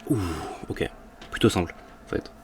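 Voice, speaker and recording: A man's voice: moderate pace, noisy background. A man giving casual, rambling, jokey commentary as he plays through a video game. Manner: rambling, jokey, mild swearing. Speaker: gaming video host. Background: game music.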